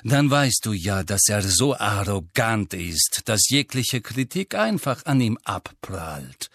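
A man's voice: lowish voice, very animated, dry recording, full character voice. A man doing a silky sneering teacher, Snape. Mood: mocking. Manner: soft, slow, silky and mocking. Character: sneering cold male potions teacher. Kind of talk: audiobook character voice.

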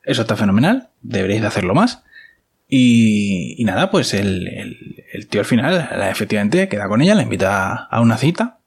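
A man's voice: on the low side, big pitch swings, fairly quick, husky. A man casually retelling a TV episode, wry and chatty, with offhand filler asides. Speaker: series recap host.

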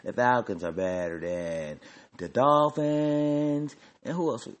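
A man ranting loudly as a sports fan in a vlog, repeating himself and swinging his voice up and down. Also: moderate pace. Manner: loud, animated, repetitive, big pitch jumps. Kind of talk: excited fan rant.

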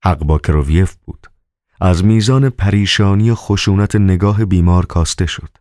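A man narrating a novel as an audiobook in a measured, calm way. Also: low-pitched, no room sound, studio quality.

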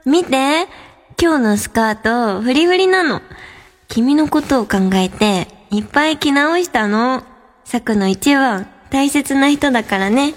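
A woman's voice: sits high, animated, unhurried, long reverb tail, soft background music. A woman voicing a doting young girlfriend in a sweet, bouncy, cutesy delivery. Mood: sugary.

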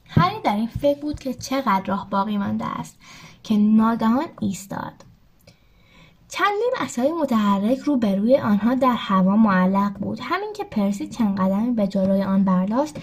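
A woman's voice: on the high side, slight background noise. A woman reading a storybook aloud, steadily narrating and lifting her voice for quoted lines. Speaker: audiobook narrator.

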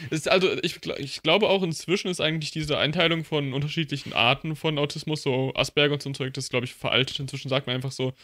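A man's voice: a little high, fairly even intonation, quick pace, hardly any pauses, bright, forceful tone, dry recording. A young man in casual chat who explains things at length, hedging as he goes.

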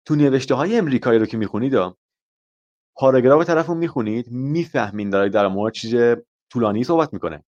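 A man runs a live online English lesson. He explains patiently and walks through everyday examples, slipping English phrases into his talk. His voice sits at an ordinary middle pitch, and the stream audio is dull and lo-fi. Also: animated, a little mellow. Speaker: IELTS teacher.

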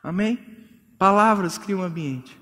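A pastor preaches in a high, forceful voice, joking and playing out couples' squabbles. His words ring through a large hall with long reverb. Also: takes it slowly, slight background noise. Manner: lively, jokes and acts out couples' quarrels. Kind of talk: sermon.

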